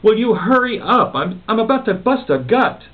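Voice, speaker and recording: A man's voice: big pitch swings, normal speed. A man voicing an impatient old woman who snaps and strains as she complains about her bladder. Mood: urgent. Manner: snappish, high and strained. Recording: narrow phone-like sound.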